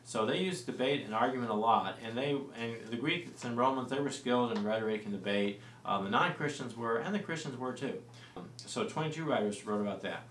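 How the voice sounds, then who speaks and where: A man in his forties explaining early church history in a studio discussion, relaxed and full of fillers and restarts. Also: mid-range voice, a little fast. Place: small studio set with lamp and plants. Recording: roomy and distant-sounding with faint noise.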